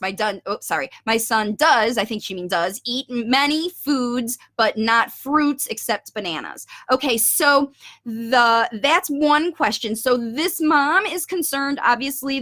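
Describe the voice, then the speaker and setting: Bright-voiced woman coaching parents. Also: a little high. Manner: explains patiently, reads questions and corrects them aloud. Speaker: parent coach answering questions. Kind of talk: video Q&A, reading parent questions aloud and commenting. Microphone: webcam on a video call.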